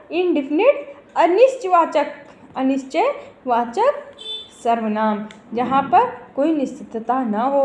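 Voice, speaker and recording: Slow, high-voiced woman teaching grammar. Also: darkish tone. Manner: calls students "beta", repeats terms, checks understanding. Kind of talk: grammar lesson. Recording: echoey room.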